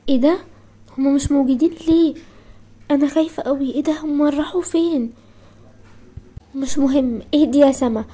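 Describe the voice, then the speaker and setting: A woman with an Egyptian Arabic accent voicing a young schoolgirl who has been left alone, narrating a first-person role-play story in rapid, breathless, exclamatory bursts. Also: high voice, mellow.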